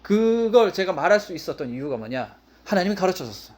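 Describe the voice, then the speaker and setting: A man preaching a sermon as pastor, his voice pitched high and swinging widely up and down. He leans hard on his points and repeats key phrases for emphasis. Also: very animated, a little fast, a little mellow.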